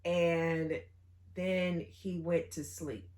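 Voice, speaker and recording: A woman telling a story about her marriage to viewers in a casual, animated way. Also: lowish voice, very slow. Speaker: co-host.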